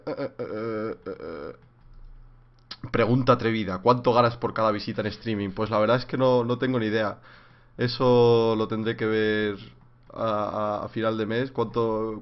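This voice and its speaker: A young Spanish man rambles through viewer questions on a home livestream, joking and suddenly getting loud. His voice sits at a middle pitch. The stream audio is a little dull and lo-fi. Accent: Spain. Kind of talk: casual livestream Q&A.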